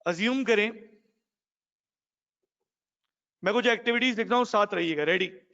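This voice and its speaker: A male teacher lectures a class in a high voice. He keeps putting questions to his students and calls them "beta". The sound is muffled and rings with a long reverb. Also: moderate pace, vocal fry, bright, forceful tone.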